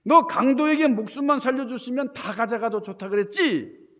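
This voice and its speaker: A man's voice: very high-pitched, normal speed, a bit bright, pitched above the performer's own voice. A pastor acting out an angry, scolding old father. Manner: scolding, sarcastic. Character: angry older male church elder rebuking sons. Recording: reverberant church hall.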